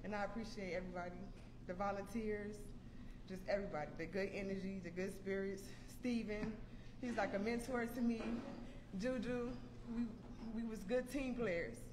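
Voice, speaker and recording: A woman, a culinary program graduate, giving a halting, heartfelt graduation speech in an echoey hall. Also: medium pitch, fairly even intonation. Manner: halting, tearful, heartfelt thanks. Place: large hall at a graduation ceremony. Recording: echoey hall with background noise.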